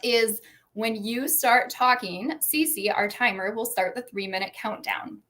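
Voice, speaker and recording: A woman hosting an online pitch competition, introducing speakers in a friendly, encouraging, lightly chatty way. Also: measured pace, fairly bright tone. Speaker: event host.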